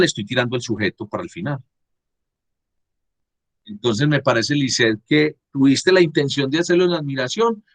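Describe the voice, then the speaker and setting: Male teacher on a video call, husky and lively in pitch; patient, repetitive explainer. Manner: repeats and asks "¿sí?" to check understanding. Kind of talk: online class explanation.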